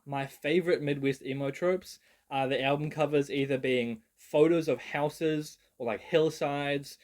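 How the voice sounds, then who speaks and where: With a darkish, mid-pitched voice, a young New Zealander casually talks through a music genre in a rambling video. He pokes fun at himself, swears and leans heavily on "like" as a filler.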